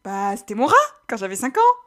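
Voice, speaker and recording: A woman reading aloud and voicing a childish, excitable young man who wails and squeals. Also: brisk. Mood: excited. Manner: shrill, wailing, overexcited.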